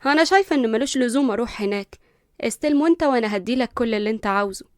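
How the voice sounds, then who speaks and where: A woman with an Egyptian Arabic accent voicing a spoiled, arrogant rich young woman who talks down to people loudly. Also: fairly high pitch, very fast, no echo, studio quality, lightly acted. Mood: dismissive. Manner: haughty, scornful, loud.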